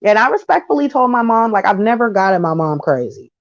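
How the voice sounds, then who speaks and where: A woman in her thirties giving a blunt, slangy opinion monologue to camera, animated and quick to slip into mocking voices. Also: medium pitch, no echo, lo-fi sound. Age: 30s. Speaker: vlogger.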